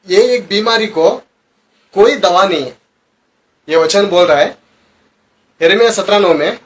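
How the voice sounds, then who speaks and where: A man preaches a sermon in a somewhat high voice, putting questions to his listeners. He pushes certain phrases loudly and then drops to quiet asides. A faint hiss sits under the recording. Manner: preaching with rhetorical questions to the congregation; swings between loud emphatic phrases and dropped quiet asides. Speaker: pastor.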